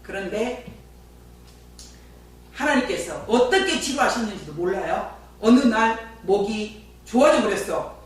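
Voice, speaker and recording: A woman pastor preaches a sermon built on personal testimony, telling stories and chatting with her congregation like a lively storyteller. Her medium-pitched voice comes from far off the mic, a little slow with long pauses, in a very echoey church with a faint hum.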